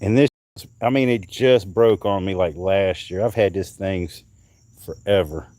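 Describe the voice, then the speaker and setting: A middle-aged livestream host from North Carolina casually shows off things he found, swearing as he rambles, outside on a hot summer night. His voice is deep and dark, unhurried, and recorded dry.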